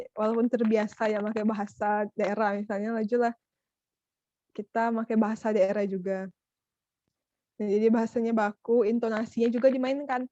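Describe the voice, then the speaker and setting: A woman's voice: a little high, warm tone, a little hiss or hum. A young woman giving an online workshop talk as a trainer, chatty, calling her listeners "Dek". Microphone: video call. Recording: muffled video call audio.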